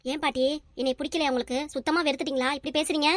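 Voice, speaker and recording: A bold young granddaughter in a cartoon, voiced by a woman, with a high, fast, blunt way of talking back to her elders. The recording is dry and close. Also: fairly even intonation, no room sound, lightly acted. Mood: pleading. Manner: blunt, indignant.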